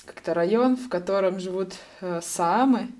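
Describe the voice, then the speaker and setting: A woman in her thirties making a casual travel vlog, with lively, playful remarks in the car and outdoors. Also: medium pitch, moderate pace. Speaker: travel vlogger. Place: in a car and outdoors in a rainy forest. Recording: noisy outdoor and car recording.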